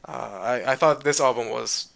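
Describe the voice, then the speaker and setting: A man with a bright, forceful voice talks loosely about records. He keeps stopping and restarting, full of ums and likes, in easy podcast chat. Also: medium pitch, normal speed, vocal fry. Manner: rambling, many fillers and restarts. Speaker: podcast co-host. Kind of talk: casual music chat.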